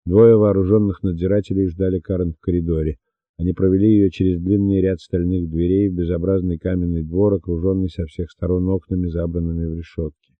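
A man narrating an audiobook in a measured, steady reading. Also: sits low, no room sound. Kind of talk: scripted narration. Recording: dull dry lo-fi recording.

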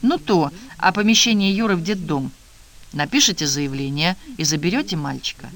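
A man's voice: a little high, expressive, moderate pace, a bit bright. A man reading the lines of an anxious, insistent female pediatrician who speaks urgently. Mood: worried.

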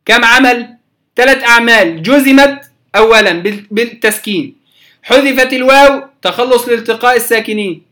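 A man's voice: high voice, a bit bright. Man, egyptian accent, recitation teacher, lecture, asks and answers himself, draws out example words. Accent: Egyptian Arabic. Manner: explains by questions and answers, drawing out example words slowly. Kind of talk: recorded lecture on tajweed.

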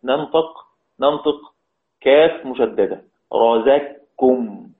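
A man teaches Quran recitation at a middle pitch. He lays out each rule step by step, repeats key words and stretches the recited examples out slowly. The sound is thin and phone-like, with a roomy echo. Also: expressive. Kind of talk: religious lesson. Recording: tinny phone-like sound in an echoey room.

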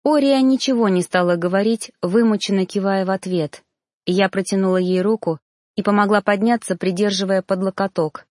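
A woman narrating a first-person audiobook in a measured, even reading voice. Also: mid-range voice, no echo, clean studio sound.

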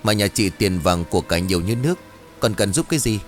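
A man's voice: fairly low pitch, lively intonation, fast talker, faint music behind, natural voice. Man reading as a curt young village wife, plain voice, horror audiobook.

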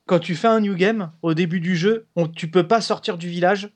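A man's voice: sits high, moderate pace. A man co-hosting a podcast, chatting casually and animatedly, cutting in on his partner and swearing freely. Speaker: podcast co-host. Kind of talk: casual chat about retro games.

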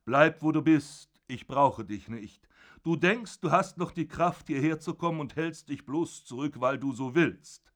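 Guy doing a furious old dad, loud and scornful, booming judgments. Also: measured pace. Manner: shouting, scornful, triumphant. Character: raging old father passing judgment.

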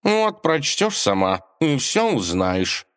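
A man voicing a slow, mumbling lazy cat. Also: fairly high pitch, big pitch swings, fairly bright tone, clean tone, voice pushed up, heavily acted. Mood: laid-back. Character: wise lazy house cat, unhurried male. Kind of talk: audiobook character voice.

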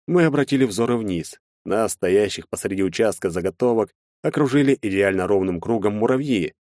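A man's voice: lowish voice, expressive, brisk, darkish tone, no room sound, clean studio sound. A man narrating a first-person audiobook in a weary, sardonic tone.

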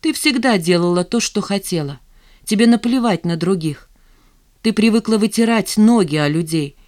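Jealous, gruff young fiancé, gloomy and reproachful, read by a woman narrator for an audiobook. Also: mid-range voice, animated, moderate pace, darkish tone, pitched above the performer's own voice, natural voice. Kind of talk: audiobook dialogue reading.

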